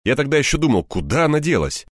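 Calm guy reading an audiobook in first person, lively pitch, dry close mic. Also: no room sound. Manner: calm, level, measured. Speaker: audiobook narrator.

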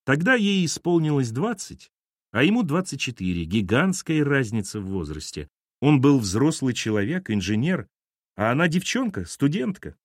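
Reading from a novel, this male audiobook narrator uses an expressive storytelling style, a medium pitch, and a moderate pace. It's scripted narration captured as clean studio sound, without any room sound.

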